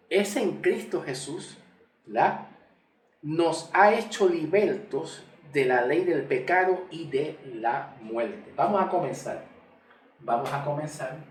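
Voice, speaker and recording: A man teaching scripture slowly at a whiteboard, repeating and spelling out key words. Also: fairly high pitch, slight background noise. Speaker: Bible teacher. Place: room with a whiteboard. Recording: echoey room, mic far off.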